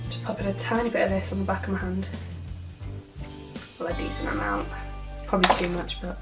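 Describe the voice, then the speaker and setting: A woman's voice: mid-range voice, expressive, brisk. A young woman with a nasal voice, still recovering from an illness, chatting casually through a makeup tutorial with lots of ums. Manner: chatty and rambling, many ums. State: recovering from illness, swollen glands. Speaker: beauty YouTuber. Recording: somewhat distant mic, faint music.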